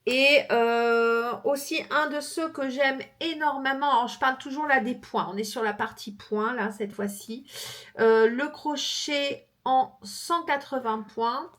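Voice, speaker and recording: A woman's voice: sits high, a little slow, fairly bright tone. A woman crochet vlogger from France chatting casually as she shows her books, with frequent fillers and easy laughter. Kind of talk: casual chat showing books.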